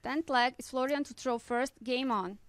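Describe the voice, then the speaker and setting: A woman's voice: high voice, normal speed, dry recording. A woman working as a darts score caller, formally announcing scores and checkouts in set phrases.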